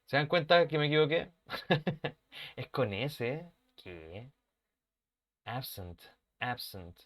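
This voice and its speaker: A man's voice: a little high, very animated, slow pace. A man teaching an online English class, patiently repeating words for pronunciation drills and laughing at his own mistakes.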